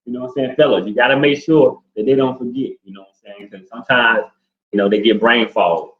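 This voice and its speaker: A man in his forties chats in a loose, rambling way, full of fillers, as he co-hosts a talk show at home. His voice sits at a middle pitch. It bounces around an echoey room on a dull, lo-fi recording. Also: fast talker. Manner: laid-back, rambling, lots of fillers. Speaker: co-host. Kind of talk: casual couple chat.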